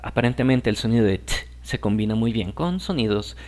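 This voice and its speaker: A man's voice: on the low side, lively intonation, a little fast, a little mellow. A man whose first language is Spanish, teaching English grammar in a patient explaining style and often checking that the listener follows.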